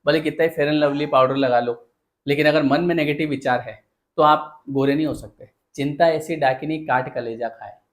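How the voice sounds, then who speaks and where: A man's voice: on the high side, steady tone, moderate pace. A man giving a motivational talk as a speaker and counsellor. He speaks earnestly, asks rhetorical questions and addresses his listeners directly.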